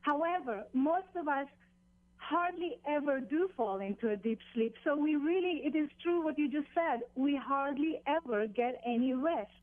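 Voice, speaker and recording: A woman on a phone line explaining meditation as a teacher, deliberately, with pauses and repeated phrases. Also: high-pitched, expressive, no room sound. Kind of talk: explanatory radio interview, spiritual instruction. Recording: dull, narrow telephone line.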